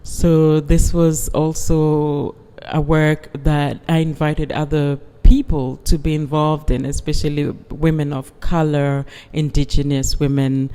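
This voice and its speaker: Measured, reflective voice in a reverberant hall. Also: medium pitch, flat delivery, dark tone, smooth. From United Kingdom. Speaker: guest artist. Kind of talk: interview conversation.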